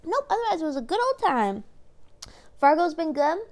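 A young woman with a high-pitched, darkish voice that swings widely in pitch vlogs at a moderate pace. It's casual chat, chatty, laid-back and rambling, with stories told through lots of fillers.

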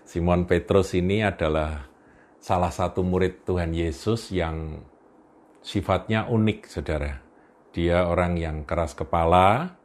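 A man with a very low voice preaching a sermon. He tells the story in a relaxed, conversational way, chuckling now and then and speaking straight to his listeners.

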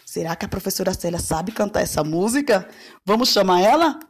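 A woman's voice: medium pitch, animated, fairly quick, breathy edge. A woman, a preschool teacher talking in a playful, singsong way to young children. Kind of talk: lively talk to young children.

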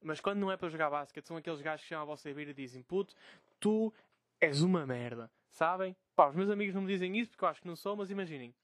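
Young portuguese guy ranting on his podcast, high voice, talks super fast, cursing a lot, dry close sound. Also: no echo. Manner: swearing, animated, mocking quoted voices. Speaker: podcast host. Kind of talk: casual solo podcast rant. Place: bedroom.

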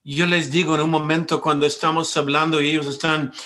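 A man's voice: a little high, little pitch movement, fairly quick, pushed and bright. A male pastor giving a sermon testimony, telling a story earnestly with quoted dialogue and frequent self-corrections.

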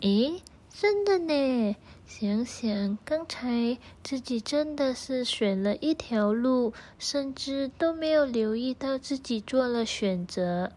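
A woman's voice: high-pitched, animated, slow pace, hardly any pauses, a little mellow. A woman voicing an anxious, indecisive little male mouse in a children's storybook, hesitant and stammering. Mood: surprised. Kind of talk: storybook narration.

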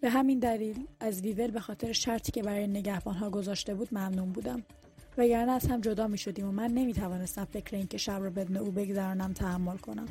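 A woman's voice: mid-range voice, steady tone, dark tone. Woman narrating an audiobook over music. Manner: reads all characters herself, dialogue lightly voiced. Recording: music bed behind the voice.

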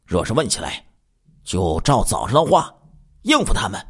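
A man voicing a smooth-talking young male con man who speaks in a suave, flattering, confident way. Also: on the low side, normal speed, exaggerated voice. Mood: suave, reassuring.

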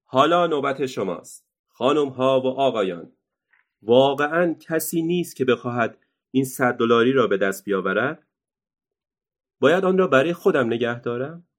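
A man voicing a loud, boastful, quick-tempered male circus ringmaster who announces like a showman in a storybook reading. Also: on the low side, natural voice.

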